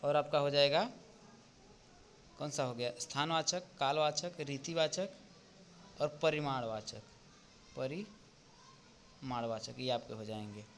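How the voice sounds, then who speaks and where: A male teacher going through an exam paper step by step, often pausing to check with "ठीक?". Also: medium pitch. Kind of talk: exam paper walkthrough lesson.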